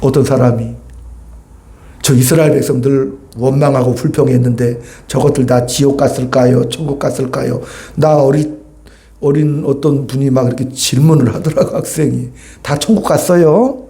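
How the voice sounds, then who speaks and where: With a mid-range voice and a moderate pace, a male pastor preaches on Sunday, lively and conversational, frequently calling for amens from those gathered.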